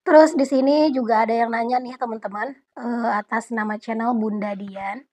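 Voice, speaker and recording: A young woman vlogger chatting casually at home, answering viewer questions in a relaxed, talkative way and often addressing her viewers directly. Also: a little high, normal speed. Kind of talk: casual Q&A chat. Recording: dull lo-fi audio.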